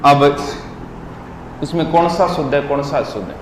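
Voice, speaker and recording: Man teaching, high voice, echoey hall. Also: lively intonation, normal speed. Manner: drills words syllable by syllable, quizzes listeners. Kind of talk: classroom lecture. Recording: echoey hall with faint noise.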